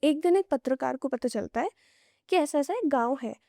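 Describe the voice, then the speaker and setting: A woman's voice: high-pitched, expressive, normal speed, mellow, dry recording, clean studio sound. A young woman telling horror stories casually on a podcast, pulling the listener in with what-if scenarios. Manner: casual, draws the listener into hypotheticals. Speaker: horror storyteller guest. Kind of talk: conversational horror storytelling on a podcast.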